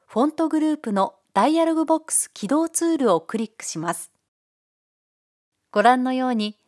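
Higher-voiced woman reading a software tutorial script, calm and polite, clean voice-over. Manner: calm, polite step-by-step instruction. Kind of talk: scripted screencast narration.

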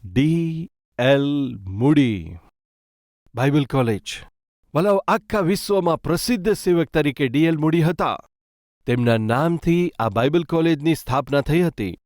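A man preaching a sermon with earnest, rising emphasis, speaking warmly to his listeners as beloved. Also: a little high, no room sound, clean studio sound. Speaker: pastor.

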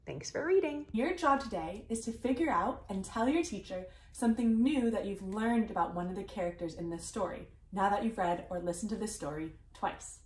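A woman teaching first graders in a recorded reading lesson, speaking clearly and encouragingly. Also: medium pitch, expressive, normal speed, hardly any pauses, roomy sound.

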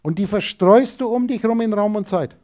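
Man lecturing an audience, highish mellow voice, pushy rhetorical questions. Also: moderate pace. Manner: emphatic, rhetorical, addresses listeners directly.

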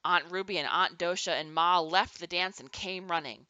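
A woman reading a children's chapter book aloud to her nieces and nephews, expressive and animated. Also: lowish voice, normal speed, no room sound, muffled recording. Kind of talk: storybook read-aloud.

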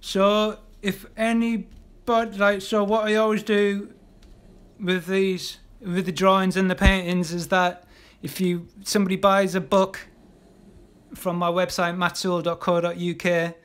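A man with a fairly high voice guides a live painting class, encouraging the viewers as he works. He talks in a loose, chatty way, full of ums and restarts while his brush moves. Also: level tone, a little slow, fairly bright tone, clear, resonant tone. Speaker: illustrator teaching a live art class. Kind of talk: casual live draw-along class.

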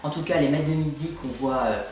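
Here a young man with a fairly high, somewhat dark-toned voice rants a little quickly at the camera, exasperated and complaining as he lays out his opinion. He's a video blogger filming in a small room at home, recorded by a camera a short way off in a very echoey space.

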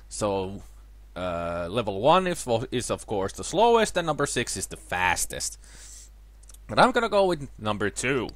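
A let's player in his thirties chats casually over an old ski game, rambling, correcting himself and breaking into bursts of cheering. A sore throat has pushed his voice lower than usual, though it still sits at a medium, slightly bright pitch on a dry recording.

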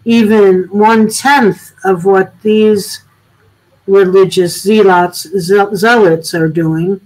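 An older woman hosting a casual political discussion over a video call, thoughtful and halting, often restarting her sentences. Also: medium pitch, low-quality recording. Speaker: host.

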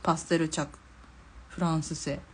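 A woman's voice: deep voice, flat delivery, a little fast, a little hiss or hum. A middle-aged woman from Japan, a drawing teacher hosting a live stream, chatting casually while she draws, laughing often and reading out viewer comments. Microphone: phone or camera mic on a live stream.

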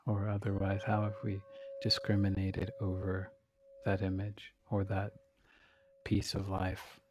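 Over a noisy background, a teacher with a low-sitting male voice leads a guided meditation. His delivery is calm, broken into brief, measured phrases with long silences between them.

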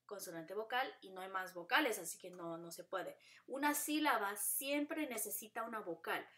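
Patient female teacher, bright tone, repetitive drilling delivery, occasional English asides. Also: mid-range voice, lively intonation, normal speed. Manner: patient, repeats patterns, switches to English to explain. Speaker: Spanish teacher. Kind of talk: classroom lesson.

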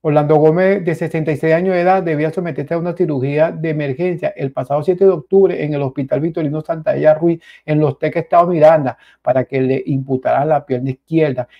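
A man's voice: medium pitch, lo-fi sound. A man giving casual, emphatic news commentary, often repeating himself and speaking directly to his viewers. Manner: emphatic, repetitive, keeps addressing viewers as "señores".

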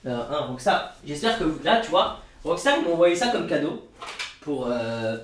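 A man hosting a casual gaming news vlog, excitable and repeating words over and over. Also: a little high, moderate pace, slight background noise. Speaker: gaming YouTuber. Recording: roomy echo.

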